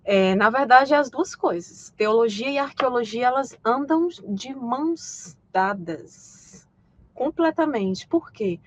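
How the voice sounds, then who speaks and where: A woman's voice: on the high side, expressive, takes it slowly, highs cut off. Brazilian woman hosting a live stream. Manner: hesitant, many fillers and restarts, explanatory. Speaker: host.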